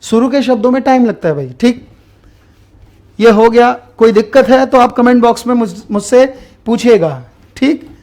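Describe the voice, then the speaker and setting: A man's voice: extremely high pitch, expressive, moderate pace, a little mellow. A man teaching an online exam-prep grammar class while writing on a board. He explains patiently, repeats key terms and answers his own questions.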